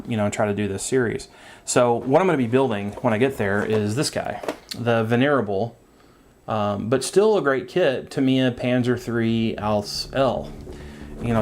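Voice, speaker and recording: Speaking in a lowish voice, a man chats from his workbench in a laid-back, meandering update for his scale modeling channel, filling it with ums and uhs.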